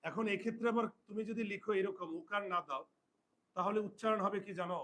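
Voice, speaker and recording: A male teacher giving a spelling lesson, slowly dictating rules and checking that his students follow. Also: high voice, fairly bright tone, poor audio. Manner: asks students checking questions. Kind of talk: Bengali grammar lesson.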